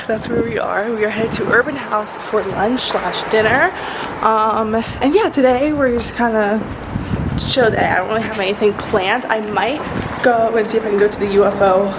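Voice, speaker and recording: A woman in her twenties chatting upbeat and casually on a travel vlog, full of fillers, filmed walking outdoors. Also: medium pitch. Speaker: travel vlogger. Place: outdoors on city streets. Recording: loud street and traffic noise. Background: traffic and street noise.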